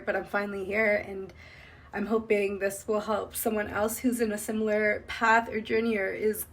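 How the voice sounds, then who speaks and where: A woman's voice: mid-range voice, creaky, breathy edge. A young woman from Sri Lanka who grew up in Canada, chatting reflectively as a beauty vlogger while doing her make-up, full of "like" fillers. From Sri Lanka, raised in Canada.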